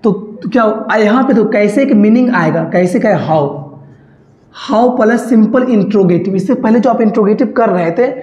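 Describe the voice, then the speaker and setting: A man's voice: sits high, normal speed, darkish tone. A man teaching English grammar in a casual tutorial, repeating phrases and asking his students rhetorical checks. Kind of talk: casual Hindi tutorial lesson. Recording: echoey, dull lo-fi room recording.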